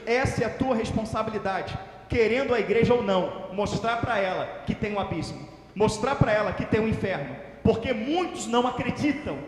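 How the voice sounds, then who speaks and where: The Lord speaks in a solemn, measured voice, as a Brazilian pastor puts Him on. The voice is still fairly high, and it echoes through a big church hall. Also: male voice, lively intonation, a little hiss or hum. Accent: Brazilian Portuguese.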